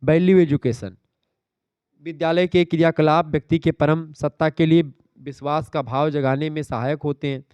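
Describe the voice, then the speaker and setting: A man's voice: fairly high pitch, fairly even intonation, normal speed, darkish tone, clear, resonant tone, no room sound. A male teacher giving an exam revision lecture, explaining terms step by step and checking that his students follow.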